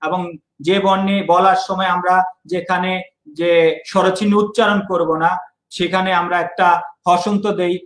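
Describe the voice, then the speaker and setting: A man's voice: high voice, level tone, moderate pace, long pauses, a bit bright, echoey room, rough recording. A young man from Bangladesh, teaching an online exam-prep lesson and repeating key points.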